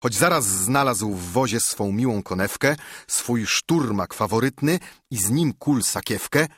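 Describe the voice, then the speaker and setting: Husky male narrator for an epic verse reading, dry and close. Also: lowish voice, expressive, fairly bright tone, no echo. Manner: measured verse recitation. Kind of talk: reading an epic poem aloud.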